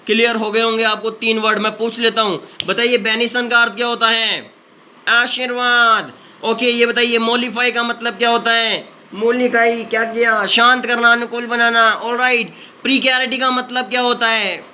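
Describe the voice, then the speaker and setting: A man teaching vocabulary in an energetic exam-prep lesson, chanting memory tricks in a sing-song way. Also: very high voice, moderate pace. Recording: slightly dull lo-fi sound with faint noise.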